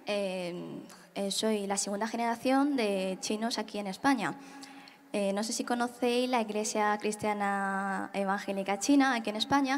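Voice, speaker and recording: A young woman from Spain giving a hesitant, reflective personal testimony on a church panel. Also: medium pitch. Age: young adult. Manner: hesitant, many fillers, reflective. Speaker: panel speaker. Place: large congress hall. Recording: hall reverb.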